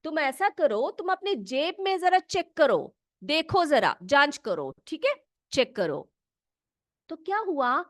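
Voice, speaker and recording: A woman teacher reads an English text slowly, word by word, and explains each phrase to the children. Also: high voice, very animated, no echo, clean studio sound. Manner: asks questions back to the children. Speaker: school teacher. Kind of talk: bilingual classroom reading lesson.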